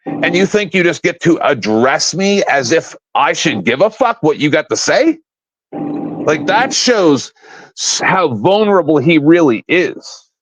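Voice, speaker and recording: This panel guest on a live stream, a man in his fifties at home, launches into a casual rant that's confrontational, blunt and full of profanity. He speaks a little slowly in a fairly high voice with big pitch swings. The sound is dry, dull and lo-fi.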